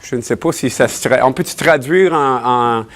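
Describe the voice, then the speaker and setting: A man's voice: mid-range voice, moderate pace, a bit bright. A man from Ontario whose first language is English, preaching a casual, joking sermon in a church, with many fillers and restarts. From Ontario, Canada.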